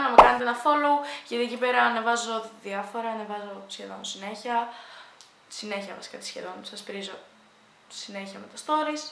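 Casual woman vlogger, playful and self-mocking, high pitch, echoey room. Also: gravelly, sharp tone, a little hiss or hum. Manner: playful, laughing at her own attempts at foreign words. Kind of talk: casual vlog chat.

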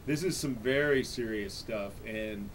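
A man's voice: fairly low pitch, a little slow, slight background noise, low-quality recording. A man in his thirties hosting a casual interview chat in a small room, a little way from the camera. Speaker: host. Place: small furnished room, indoors.

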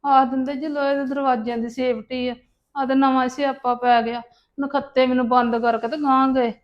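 ਅਦਾਕਾਰਾ ਵਜੋਂ ਉੱਚੀ ਸੁਰ ਵਾਲੀ ਬੁੜਬੁੜ ਕਰਦੀ ਪੰਜਾਬੀ ਸੱਸ. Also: female voice, high-pitched, little pitch movement, normal speed, dull audio, natural voice. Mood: fretful. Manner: fretful, grumbling. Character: fretful, demanding Punjabi mother-in-law. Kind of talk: dramatic monologue and phone dialogue in a family serial.

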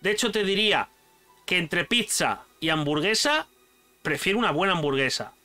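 A man's voice: sits high, moderate pace, faint music behind. A young man from Spain with a Spanish accent, chatting casually and animatedly while ranking foods for his channel, full of slang. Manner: animated, slangy, addresses viewer as "tío". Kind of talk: casual chat, food tier list.

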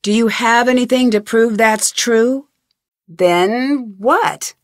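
A voice actor with a fairly high voice speaks slowly in a dry, clean studio recording. Voicing a young woman detective for game lines, she asks earnest, inquisitive questions in a polite tone.

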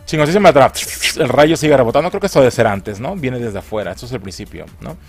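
A man's voice: medium pitch, animated, fast, soft background music. A man giving casual, swearing, laughing commentary as a film trailer reviewer.

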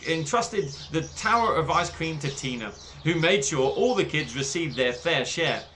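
A man reading a children's book aloud with animated, expressive storytelling. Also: on the high side, moderate pace, a little hiss or hum. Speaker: book club reader.

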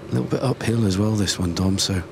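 A man working as an on-course golf commentator, reporting shots live in a hushed, clipped way. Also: on the low side, fast, vocal fry. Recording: heavy outdoor noise behind the voice. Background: steady outdoor course noise.

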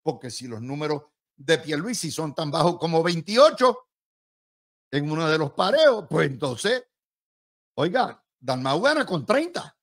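A man with a Puerto Rican accent delivering political commentary in a high-pitched voice for a male speaker. He talks emphatically, with a combative and sarcastic edge, and often swings up sharply in pitch to stress a point. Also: big pitch swings, a little slow, fairly bright tone. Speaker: political analyst.

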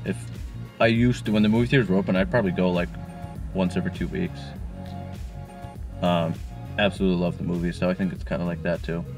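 A man in his twenties, from Connecticut, chatting casually in a parked car, relaxed and rambling with plenty of fillers. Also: deep voice, fast talker, long pauses, over music. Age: 20s. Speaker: co-host. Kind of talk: casual Q&A chat. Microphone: camera on the dashboard.

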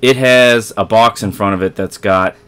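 A man with a low voice hosts a casual let's play, talking straight to his viewers as he plays. He rambles and corrects himself mid-sentence, filling gaps with easygoing chatter. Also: moderate pace, fairly bright tone, smooth. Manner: rambling, self-correcting, talks to viewers while playing. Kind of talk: casual gameplay commentary.

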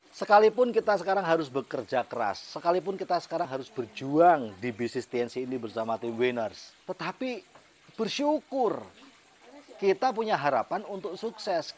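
A man's voice: a little high, darkish tone. A middle-aged man telling a personal story in a vlog, chatty and motivational, laughing often. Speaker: network marketing team leader.

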